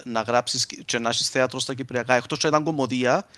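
A man's voice: mid-range voice, steady tone, a bit bright, dry recording. Man with a Cypriot Greek accent, dry sound. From Cyprus. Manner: speaks in Cypriot dialect, switching to standard terms. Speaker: linguist speaker. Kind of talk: informal explanatory talk with examples.

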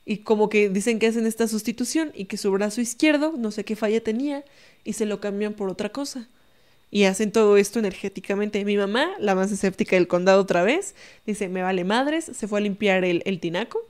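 A young woman with a Mexican accent tells a story in a relaxed conversation. She keeps it animated, often tags her lines with a questioning "¿no?", and acts out the people she quotes. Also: mid-range voice, fairly quick. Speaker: podcast guest storyteller. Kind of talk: casual storytelling.

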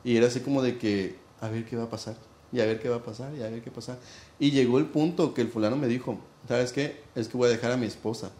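A man with a Mexican Spanish accent, chatting casually as a podcast host and telling gossipy stories in an animated way. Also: mid-range voice, fast talker. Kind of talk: casual chat. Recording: echoey room with faint ambience.

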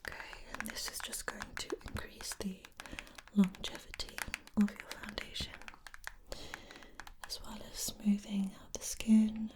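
A woman in a whispered role-play as a make-up artist, in a soft, breathy, layered whisper with a gentle, attentive manner. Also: medium pitch, little pitch movement, unhurried, rough recording. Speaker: ASMR host playing a make-up artist.

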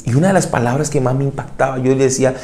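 A man preaching a sermon as pastor, fervent, swinging from hushed pleas to loud climaxes and asking the listener direct questions. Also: mid-range voice, fairly even intonation, racing, creaky, slight background noise.

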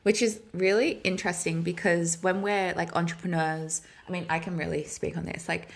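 A woman's voice: lowish voice, steady tone, moderate pace, gravelly. A woman co-hosting a podcast, chatting casually with effusive, emphatic, slangy phrasing. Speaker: podcast co-host.

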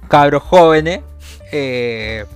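A man's voice: fairly high pitch, lively intonation, drawn-out words, smooth, soft background music. A young Chilean man telling rambling stories full of slang in a casual chat.

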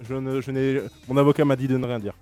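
A man's voice: mid-range voice, level tone, fast talker, darkish tone, faint music behind. A man in his twenties hosting a blind test in casual chat, teasing and playful, laughing often. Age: 20s. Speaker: radio host running a blind test.

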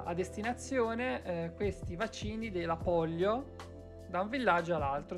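A young adult woman, chatting casually on a live stream in an emphatic, rambling way, repeating words for stress. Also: mid-range voice. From Carrara, Italy. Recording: background music behind voice. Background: music.

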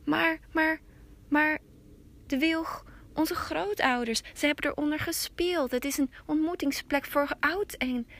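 A gentle young husband, voiced by a woman narrator, who stammers and pleads in a raised, high voice. The gravelly texture of the storyteller comes through. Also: a little slow. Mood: upset.

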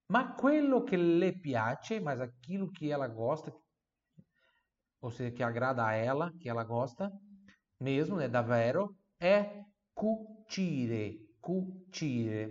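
A man giving an online language lesson as the teacher, explaining patiently and repeating phrases slowly for listeners to practice. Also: medium pitch, lo-fi sound. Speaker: Italian teacher.

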